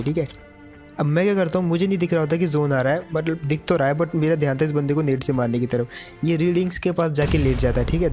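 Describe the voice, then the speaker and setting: Guy rattling off game commentary real quick, chatty, faint music under it. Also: a little high, a little mellow. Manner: chatty, addresses viewers as brother. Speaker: gaming YouTuber. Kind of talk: gameplay commentary.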